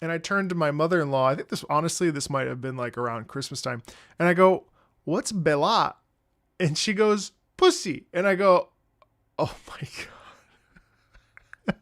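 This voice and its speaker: Hyped up guy streamer rambling to chat, kinda high voice, swears a lot. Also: fast talker. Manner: excitable, rambling, swears and laughs often; greets chat by name. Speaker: game streamer. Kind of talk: casual livestream chat.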